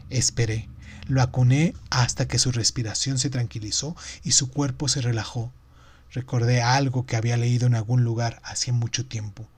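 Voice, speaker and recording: A man reading a novel aloud in steady, measured audiobook narration. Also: medium pitch, slightly rough.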